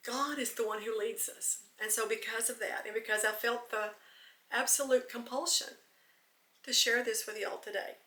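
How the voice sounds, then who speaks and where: A woman's voice: on the high side, fairly even intonation, normal speed, bright, forceful tone, far from the mic. A woman hosting a devotional podcast, earnest and teary, repeating phrases for emphasis. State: teary, close to choking up. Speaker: podcast host. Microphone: camera recording. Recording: echoey room, voice off-mic.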